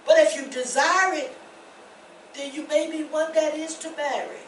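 An older woman pastor preaching a testimony sermon, rising to shouts and laughing. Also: high-pitched, steady tone, normal speed, slight background noise. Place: church. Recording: echoey church from far off.

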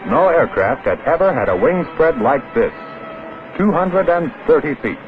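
Man, old newsreel narrator, animated emphatic delivery, tinny phone-like sound. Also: fairly high pitch, moderate pace, soft background music. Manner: emphatic, dramatic announcer delivery. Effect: old 1940s newsreel recording.

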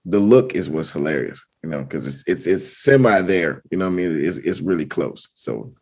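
Man, podcast co-host, low voice, husky, laid-back, slangy casual chat. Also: animated, moderate pace, a little mellow.

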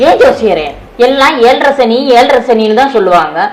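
A woman acting in a comedy skit, first gullible and then scolding, with lively delivery. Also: fairly high pitch, moderate pace, a little hiss or hum, low-quality recording. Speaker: comedy sketch actress. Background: music.

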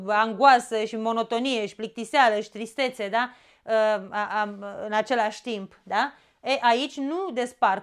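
With a clear, resonant voice pitched on the high side, a Romanian-accented woman walks through grammar step by step for exam prep. She frequently checks understanding with a quick "da?".

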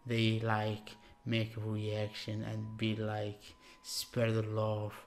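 A man in his thirties from Algeria, reacting to a song in a casual vlog with broken English and excited exclamations, filmed at a webcam in a small room. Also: lowish voice, extremely slow, a little hiss or hum. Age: 30s. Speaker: music reaction YouTuber. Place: small room with blue backdrop. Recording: loud music playing underneath.

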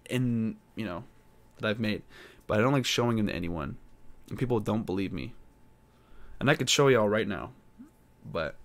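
A young man hosting his own podcast alone, talking in a rambling, hesitant way with many pauses and fillers. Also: medium pitch. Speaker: podcast host. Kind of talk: casual solo podcast monologue.

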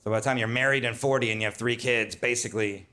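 Male stand-up comic, bright forward tone, wry conversational set on a club stage. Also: mid-range voice, fairly even intonation, fast. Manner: wry, conversational, jumps to loud put-on whines. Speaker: stand-up comedian. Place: comedy club stage with audience laughter.

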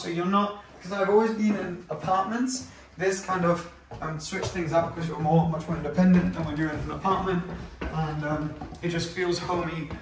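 A man's voice: sits high, creaky, slight background noise. A young man in his twenties, chatting casually with many fillers as he walks through a modern house. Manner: relaxed, chatty, many fillers, walking while talking. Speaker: vlogger giving a home tour. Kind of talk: casual chat. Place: indoors, modern house, moving room to room. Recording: echoey rooms, slightly distant mic.

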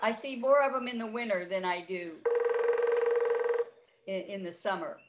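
This birding presenter is a middle-aged woman speaking at medium pitch and normal speed, and the recording is very noisy. Her informal talk on bird identification is chatty, full of restarts, and spiced with playful imitations of birds.

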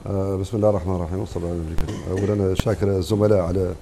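A man from Mauritania, arguing fast and insistently as a guest on a televised panel debate. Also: deep voice, level tone, vocal fry, noisy background. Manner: fast, insistent, interjects "hnini" to hold the floor.

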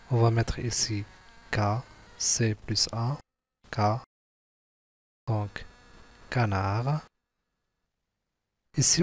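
Man, teacher, very slow, patient, spells out syllables, mid-pitched voice. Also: a little mellow. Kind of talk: slow classroom exercise walkthrough.

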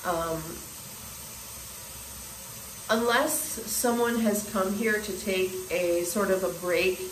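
Speaking slowly in a mid-range voice, a woman in her forties delivers a casual spiritual monologue to her phone camera from a cramped bathroom. She's earnest and keeps restarting as she muses, her throat scratchy and often cleared, with bathroom echo and a light hiss behind her.

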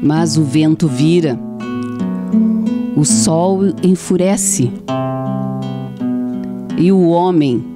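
A middle-aged woman with a southern Brazilian gaúcho accent, reciting a poem in a declamatory, deliberate way. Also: deep voice, over loud music. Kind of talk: poetry recitation. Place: small indoor TV studio. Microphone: handheld microphone held close.

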